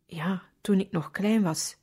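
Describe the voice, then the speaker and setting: A man's voice: sits high, slow, dark tone, breathy edge, full character voice. A woman voicing a timid teenage orphan boy who gives short, hesitant answers in a storybook reading. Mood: shy.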